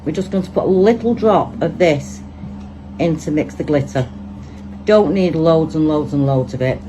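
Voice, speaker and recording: Over music, a low-pitched woman with a Manchester accent talks at normal speed, chatting and thinking aloud while she demonstrates a resin craft project at her table in a casual hands-on tutorial.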